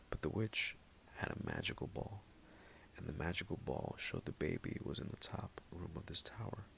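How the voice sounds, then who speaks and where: A man narrating a bedtime story in a calm, soft, often half-whispered reading. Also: low voice, creaky, slight background noise.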